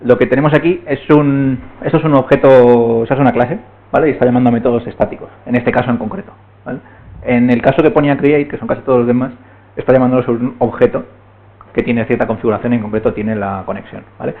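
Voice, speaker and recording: Gravelly man explaining code, tinny recording. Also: medium pitch, steady tone, quick pace. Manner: explanatory, often checks in with the room. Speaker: meetup speaker. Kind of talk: technical talk to an audience.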